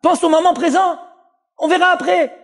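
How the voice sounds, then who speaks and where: A man doing a high, coaxing tempter voice. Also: steady tone, moderate pace, creaky. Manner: wheedling, urging indulgence. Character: tempting inner voice, male, coaxing, carefree.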